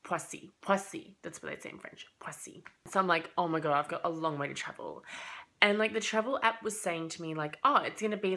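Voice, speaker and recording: Chatty young woman with a gravelly voice. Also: sits low. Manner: chatty, animated retelling with lots of "like" and quoted thoughts. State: has a cold, coughing. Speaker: vlogger. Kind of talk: casual storytime vlog.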